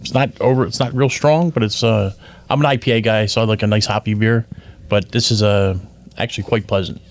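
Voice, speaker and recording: Halting, thoughtful New Jersey man. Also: on the low side, steady tone. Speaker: brewery tour company owner, guest. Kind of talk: casual chat over beers.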